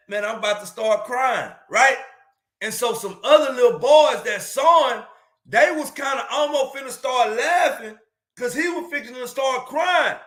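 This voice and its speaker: A man's voice: extremely high pitch, echoey room. A man speaking as a motivational speaker, telling a personal story casually and emphatically, often saying "man" and "listen". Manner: emphatic, repeats "man" and "listen", gets louder at peaks.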